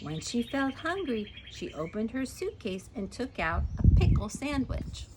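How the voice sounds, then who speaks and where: A woman's voice: a little high, very animated, a little slow, heavy background noise. A woman reading a children's story aloud, playful, stretching dramatic words and asking the listener questions.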